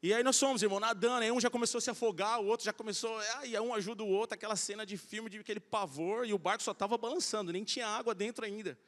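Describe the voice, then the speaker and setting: A middle-aged man preaching a sermon, telling stories in an animated way and acting out the voices of the people in them. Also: high voice, rapid-fire, hardly any pauses. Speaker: pastor. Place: large church hall. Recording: church hall reverb.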